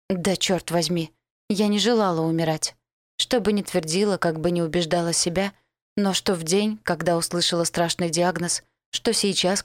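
Woman audiobook narrator, lowish voice, intimate first-person delivery, dry and close. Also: dry recording.

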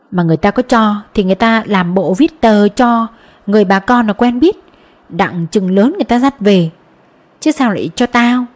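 A woman reading the part of a rough middle-aged male petty thief with coarse, boastful talk in an audiobook. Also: a little high, a little mellow. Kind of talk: audiobook narration.

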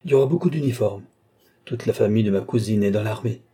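A man's voice: lowish voice, fast talker, warm tone, slightly rough. A man voicing a confident, talkative cavalry captain who speaks with polite military assurance in a read-aloud story. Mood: courteous, assured.

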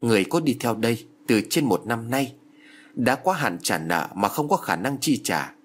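A man voicing a stern middle-aged male court bailiff who reads out orders formally, in a husky voice. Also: mid-range voice, expressive, normal speed. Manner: formal, pompous reading of orders.

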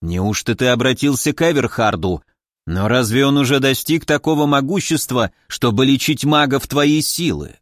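A man putting on a gruff ancient hermit. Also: medium pitch, normal speed, dry recording, studio quality, natural voice. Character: grumpy tiny ancient hermit, bossy and gruff.

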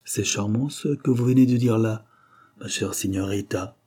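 A young captive man, gentle and torn, speaking with quiet sorrow, as a man reads him in an audiobook. The voice is low and mellow with a husky grain. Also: normal speed. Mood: sorrowful.

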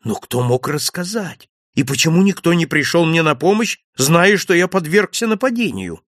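A man narrating a first-person audiobook, expressive, dropping low and soft for inner thoughts. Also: moderate pace, no echo, studio quality.

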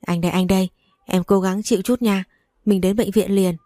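A woman's voice: mid-range voice, steady tone, brisk, warm tone, no echo, clean studio sound, close to an everyday voice. A woman reading a story aloud, voicing a flustered, panicky young husband who stammers and repeats himself.

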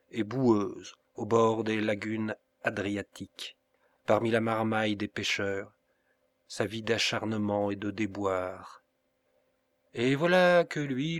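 A man reading a classic novel aloud as an audiobook narrator, in a slow, measured and expressive way. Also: lowish voice, no room sound. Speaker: audiobook reader.

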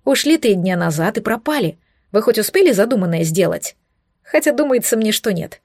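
A woman's voice: medium pitch, very animated, brisk, darkish tone, no echo, studio quality. A woman voicing a teasing young adult brother who snorts and bosses others around. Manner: mocking, bossy.

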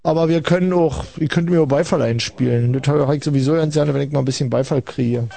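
A man's voice: fairly high pitch, fast talker, vocal fry, mellow, a little hiss or hum. A man hosting a late-night call-in radio show, rambling ironically and chatting with callers. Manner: rambling, ironic, addresses listeners as kids. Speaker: radio host.

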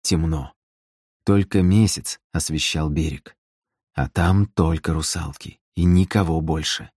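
A man narrating an audiobook in a measured, dramatic storytelling manner. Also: extremely low pitch, darkish tone, breathy edge, no room sound, studio quality. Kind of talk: scripted narration.

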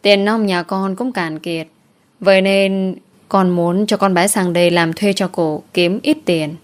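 Woman reader as a humble older father, slow, hesitant, pleading, storybook peasant. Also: mid-range voice, steady tone, close to an everyday voice. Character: poor, desperate older father, timid and pleading.

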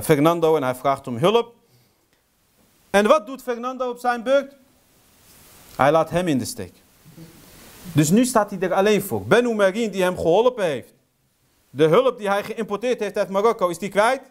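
A man lecturing on history, telling it as a story with rhetorical questions and getting heated and indignant. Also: a little high. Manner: sprinkles Arabic phrases into speech.

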